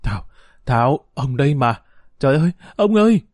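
A man's voice: on the high side, animated, a little fast, a little mellow, no room sound, clean studio sound, close to an everyday voice. A man narrating a story voices an old grandfather, anxious and choked with tears, pleading as he calls out. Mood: tearful. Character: anxious grandfather, tearful and frail.

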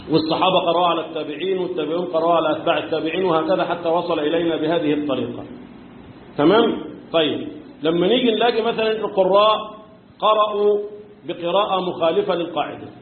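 Tajweed teacher, male, Egyptian accent, high voice; quizzes students, chants verses. Tinny echoey room recording. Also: slight background noise. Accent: Egyptian Arabic. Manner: quizzes students, answers his own questions; clears his throat often. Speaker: Quran recitation teacher. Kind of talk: tajweed lesson.

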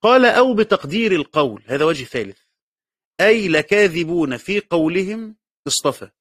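A man with an Egyptian accent gives a classroom lecture on a written text. He speaks in a somewhat high register and reads passages before explaining them, often repeating the key words. The recording is dry and close, with no room echo. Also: very animated, fairly quick, fairly bright tone. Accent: Egyptian Arabic. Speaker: teacher of Quran commentary.

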